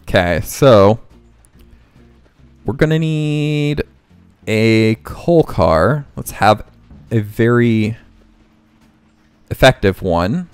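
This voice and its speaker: Very slow and full of long pauses, the man's lowish voice still carries a lively lilt, clean in tone and free of echo. He hosts a let's play, offering easygoing commentary as he reasons aloud and self-corrects, with game music softly underneath.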